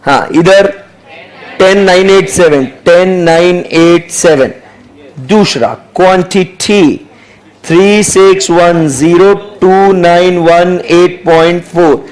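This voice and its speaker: A man's voice: high voice, rough recording. A young Indian man teaching an accounting class live, dictating figures and prodding students to answer. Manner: slow deliberate dictation mixing Hindi and English, prodding students for answers. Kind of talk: live online class lecture.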